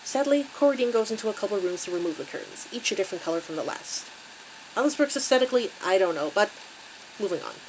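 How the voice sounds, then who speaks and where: A woman's voice: on the low side, slight background noise, rough recording. A woman hosting her channel, recapping a creepy story with wry, conversational asides. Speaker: channel host and story reader.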